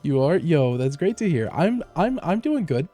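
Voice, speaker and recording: A man's voice: fairly high pitch, big pitch swings, normal speed, mellow, faint music behind. A man streaming from home through a headset mic, chatting casually as he plays, rambling with lots of fillers and restarts. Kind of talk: casual live gameplay commentary.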